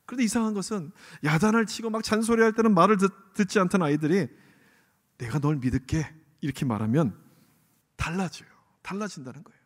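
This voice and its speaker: Man, middle-aged, pastor, sermon, high-pitched, long church reverb, asks the congregation questions. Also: lively intonation, quick pace. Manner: asks the congregation questions and acts out quoted inner voices. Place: church sanctuary.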